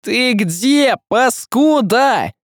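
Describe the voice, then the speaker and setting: A man voicing a hot-tempered young villager, shouting accusations in a high, strained voice, in a dry close recording. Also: huge pitch swings, a little slow, dry recording, heavily acted. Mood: furious.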